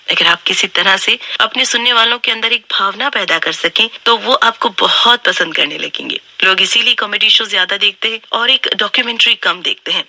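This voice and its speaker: Bright, crisp woman narrating a book summary. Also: medium pitch, no echo. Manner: steady instructive delivery.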